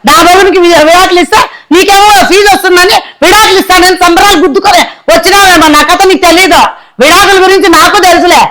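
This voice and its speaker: A woman playing a loud, quarrelsome wife in a comedy skit, speaking in a rapid scolding tirade. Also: very high-pitched, fairly even intonation, over a noisy crowd.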